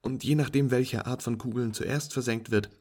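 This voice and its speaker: A man's voice: medium pitch, fairly even intonation, moderate pace, a little mellow, voice pushed up, close to an everyday voice. A man voicing a friendly young woman who patiently teaches pool, playful and encouraging as she speaks. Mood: cheerful, instructive. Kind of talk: storytelling with acted dialogue.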